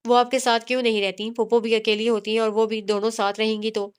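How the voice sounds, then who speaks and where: A woman's voice: a little high, little pitch movement, clear, resonant tone, natural voice. Woman voicing an innocent, curious young girl. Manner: naive, questioning.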